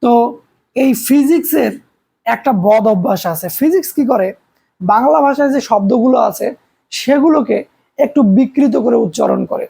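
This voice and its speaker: A man's voice: very high voice, expressive, moderate pace, gravelly, long pauses, warm tone, breathy edge. A young man from Bangladesh giving a recorded physics lecture, explaining step by step with everyday examples and rhetorical questions. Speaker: physics teacher.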